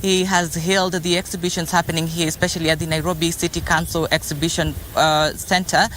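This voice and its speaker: A male field reporter with a Kenyan accent giving a live broadcast report, haltingly, repeating and searching for words. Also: fairly high pitch, flat delivery, fairly bright tone, a little hiss or hum, low-quality recording. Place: livestock show ground, live report.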